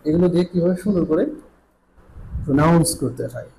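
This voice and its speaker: A Bangladeshi man teaching English pronunciation online, stretching out each sound in slow drills and moving between Bengali and English. His voice sits a little high for a man, yet it has a soft, mellow tone. A faint hiss runs under the recording. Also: poor audio.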